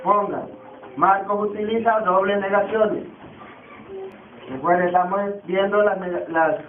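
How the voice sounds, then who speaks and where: Male Bible teacher, high pitch, repetitive quizzing lecture style, captured far off on a tinny, roomy recording. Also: a little hiss or hum. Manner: repeats key terms, quizzes the class. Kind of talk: classroom lecture. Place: classroom. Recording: tinny, echoey distant classroom recording.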